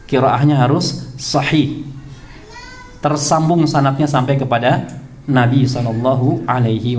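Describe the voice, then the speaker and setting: An Indonesian man giving a study lecture to a congregation in a prayer hall, repeating key points and drawing out terms slowly. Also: mid-range voice, a little hiss or hum. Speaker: religious teacher.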